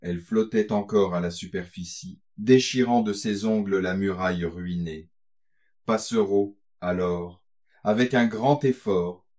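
Somber low-voiced male narrator. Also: darkish tone. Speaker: audiobook narrator. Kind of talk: scripted narration of a gothic tale.

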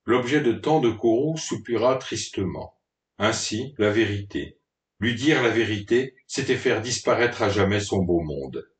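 A man narrating a story in a dramatic, mock-melodramatic reading style. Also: lowish voice. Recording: roomy, distant from the mic.

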